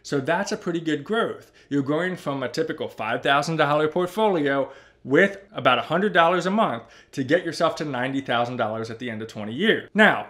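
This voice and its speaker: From a home office, a man in his thirties who makes personal finance videos on YouTube walks viewers through a spreadsheet with energetic emphasis, addressing them head-on. His pitch is medium.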